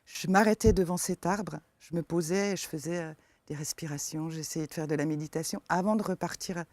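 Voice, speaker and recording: Her voice is low and a little fast, recorded without echo, as she answers interview questions about her work as a forest therapy guide. She's from eastern France with a slight eastern French accent, and her speech is soft, hesitant and full of fillers.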